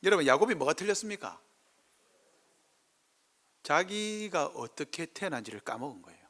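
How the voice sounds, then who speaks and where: A man's voice: a little high, very animated, normal speed, fairly bright tone. A middle-aged male pastor with a Gyeongsang Korean accent preaching a sermon, acting out quoted speech in dialect.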